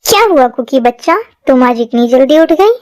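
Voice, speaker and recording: A woman's voice: sits high, animated, normal speed, a little mellow, dry recording, voice pushed down. A woman voicing a caring mother in a Hindi fan-dub drama, talking in a soothing motherly manner. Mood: gentle. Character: caring mother of a teenage girl.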